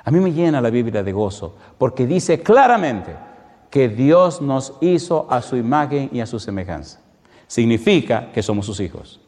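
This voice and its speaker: A man preaching a sermon as pastor, with slow emphatic phrasing that swings between loud high rises and quiet low drops. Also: sing-song. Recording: long hall reverb.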